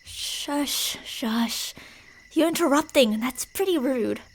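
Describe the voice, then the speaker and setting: Poor audio captures a husky, high, expressive woman's voice speaking slowly. Performing ASMR horror roleplay, she is a teasing and delusional yandere stalker narrating her prey's path, her playful threats slipping into whispers.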